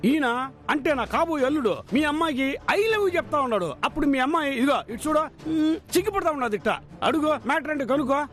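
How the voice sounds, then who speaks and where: An actor playing a hard-of-hearing older father, loud, scolding and comic, over background music. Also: very high voice, quick pace. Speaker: bride's father.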